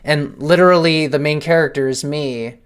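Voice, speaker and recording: A woman hosting an animation festival livestream, chatting casually, excited and often swearing. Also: deep voice, moderate pace. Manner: excited, laughing, profane.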